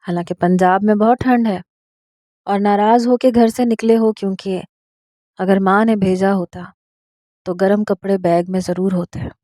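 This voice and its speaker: Woman doing a gentle old imam, unhurried, warm and patient. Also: mid-range voice, fairly even intonation, dry recording, studio quality, lightly acted. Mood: tender. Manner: slow, soothing, gently persuasive. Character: kind old male mosque imam, patient and fatherly.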